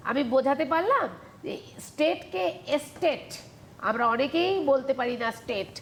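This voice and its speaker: A woman's voice: sits high, lively intonation, moderate pace, slight background noise. A woman teacher giving a televised Bengali grammar lesson, explaining patiently and repeating questions to her students.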